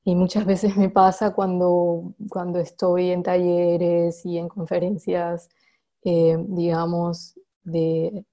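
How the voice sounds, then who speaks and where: A woman answers reflectively in an interview as a poet, haltingly, often repeating words as she searches for the next one. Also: on the low side, little pitch movement, warm tone. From Colombian Caribbean coast.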